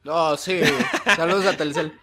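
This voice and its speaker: A man's voice: a little high, steady tone, moderate pace, music in the background. A young man from Mexico with a Mexican accent, co-hosting a podcast in casual, joking chat and laughing often. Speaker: podcast co-host.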